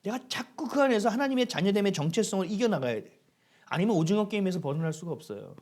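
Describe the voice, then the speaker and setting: A middle-aged man preaches from the pulpit with an animated, expressive delivery. His pitch swings widely as he acts out little quoted exchanges between points. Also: quick pace. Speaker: pastor. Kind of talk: sermon.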